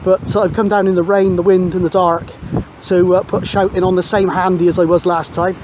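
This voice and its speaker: A man with a high-sitting voice talks a little fast in a flat delivery, rambling matily as a CB radio operator on a windy seashore. It's casual radio chat mixed with narration to camera. The outdoor recording is dull, with clear wind noise and outdoor ambience behind him.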